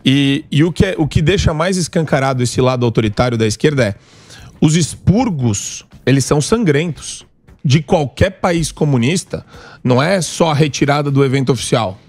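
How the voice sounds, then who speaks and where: A man's voice: on the high side, expressive, normal speed, darkish tone. A man explaining politics at length on a casual panel show, in a lecturing way.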